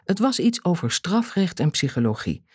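Narrator for a dark thriller audiobook: husky tone, lively pitch, measured delivery with dramatic pauses, dry close sound. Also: dry recording.

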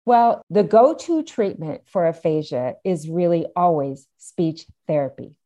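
Mellow, low-pitched woman explaining. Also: animated, a little slow. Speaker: podcast guest, aphasia advocate. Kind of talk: explanatory interview talk.

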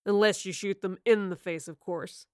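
A woman voicing a cruel, sly male villain who taunts in slow, purring, gloating tones. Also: medium pitch, fairly even intonation, a little mellow, no room sound, studio quality, natural voice. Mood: taunting.

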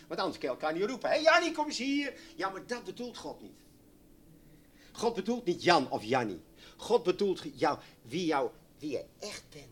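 A man preaching a sermon, swinging from loud exclamations to hushed, near-whispered lines. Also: a little high, husky.

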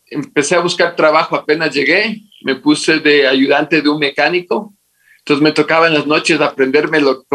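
An Ecuadorian man recounts his story in a casual interview. He talks in a lively, animated way and voices the people in his tale. His voice sits a bit higher than most men's. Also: low-quality recording. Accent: Ecuadorian Spanish. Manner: animated, acts out quoted dialogue. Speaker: interview guest.

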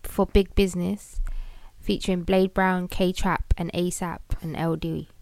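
A woman's voice: on the low side, little pitch movement, a little slow, creaky, darkish tone, no room sound. A woman in casual chat, cheeky and bringing up new topics.

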